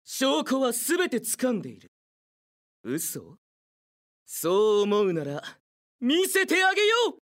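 A self-admiring drama-kid anime boy, super pompous and grandiose, high voice all over the place. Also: wildly swooping pitch, takes it slowly, long pauses, a bit bright, no echo, heavily acted. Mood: dramatic, challenging. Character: vain theatrical student actor boy, flamboyant and self-admiring. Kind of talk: anime audio drama acting.

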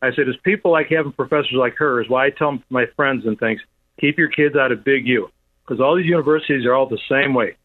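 A man calling in to a radio show on a speakerphone from his office, ranting in a rapid, heated way. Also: mid-range voice. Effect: calling in on a speakerphone over a phone line. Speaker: radio call-in caller. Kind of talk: call-in talk radio. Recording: tinny speakerphone line.

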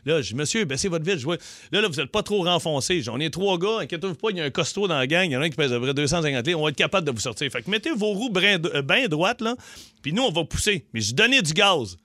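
A man with a Québécois accent, co-hosting a radio show and telling funny stories in a casual, animated way. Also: on the high side, dry recording, clean studio sound. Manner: animated storyteller, quick and lively. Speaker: radio show co-host and comedian. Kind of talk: casual radio chat with anecdotes.

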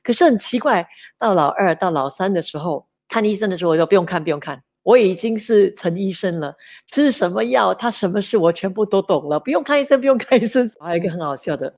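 Lively woman telling stories. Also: mid-range voice. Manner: lively anecdotes, mixes English words into Mandarin. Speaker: interview guest, mother of three. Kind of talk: casual storytelling interview.

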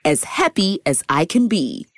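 A woman's voice: on the low side, big pitch swings, unhurried, dry recording. A woman voicing a cheerful, contented male oak tree in a storybook, sing-song and upbeat.

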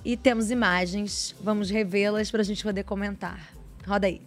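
A woman's voice: mid-range voice, steady tone, moderate pace, soft background music. A woman hosting a talk show in a chatty, playful way, bringing up topics and cueing clips. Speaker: host.

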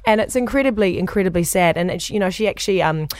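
A woman's voice: fairly low pitch, fast talker. A woman with a New Zealand accent speaking emphatically in a conversational interview, repeating words for stress. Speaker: documentary maker being interviewed.

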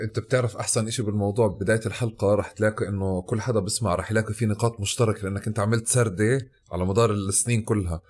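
A man with a low voice and a Palestinian Arabic accent hosts a podcast in casual dialect. He talks quickly and informally, as in a relaxed chat with a guest. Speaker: podcast host. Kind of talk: casual colloquial interview.

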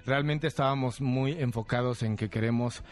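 Mexican actor guest, mid-pitched, earnest, storytelling with fillers. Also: male voice, steady tone, moderate pace. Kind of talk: interview talk.

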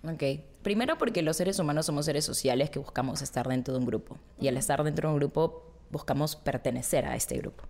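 A woman psychologist with a low voice explains ideas patiently in an interview. She often ends her points with a short question tag. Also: quick pace, a little mellow.

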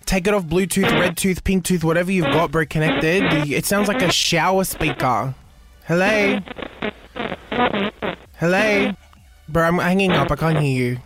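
A man's voice: a little high, normal speed, long pauses, lightly acted. A man voicing a sassy, flirty woman from Bankstown who answers a radio phone line, with an Australian accent, brash and calling everyone bro. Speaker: radio host doing a character. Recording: loud music behind.

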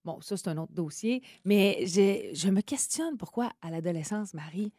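Chatty Québécoise radio co-host. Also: female voice, mid-range voice, moderate pace, no echo, clean studio sound. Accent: Quebec French. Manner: lively, chatty, laughs often. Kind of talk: casual radio chat.

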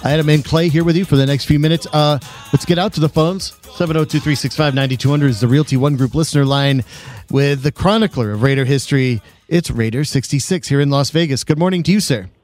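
A man's voice: on the high side, fast, a little mellow, soft background music. A man hosting a live sports radio show, moving through announcements and talk to listeners.

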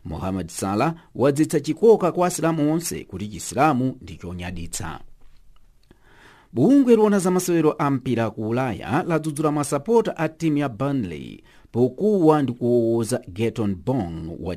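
A man's voice: medium pitch, dark tone. A man with a Malawian accent reading scripted sports news as a bulletin presenter. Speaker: sports newsreader.

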